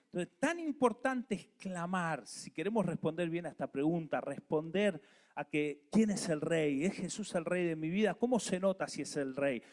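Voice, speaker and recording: A man preaching a sermon as pastor, animated, asking the congregation to repeat after him. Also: fairly high pitch, normal speed.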